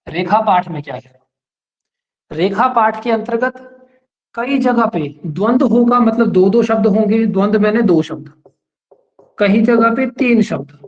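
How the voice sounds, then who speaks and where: Male teacher, high pitch, patient step-by-step exam-prep lecturing, muffled lo-fi recording. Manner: explains step by step and checks that students follow.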